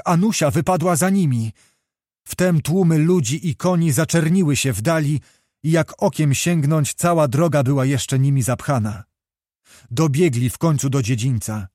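A man's voice: fairly high pitch, no echo. Man narrating an audiobook, dry close sound. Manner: steady, measured storytelling. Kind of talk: scripted narration of a classic novel.

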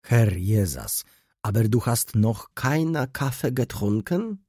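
A man voicing a frail, doting old German grandmother who speaks slowly and softly. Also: medium pitch, expressive, dry recording, studio quality. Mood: fussing. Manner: slow, soft German speech.

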